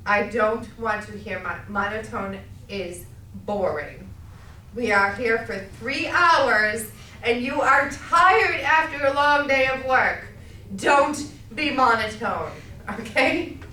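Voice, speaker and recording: A middle-aged woman with a Massachusetts accent teaching a speech class, loud and projecting, checking in with "okay?" as she goes. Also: mid-range voice, distant mic, slight background noise. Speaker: college speech instructor. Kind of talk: classroom lecture. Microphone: camera at a distance. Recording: echoey classroom recorded from afar.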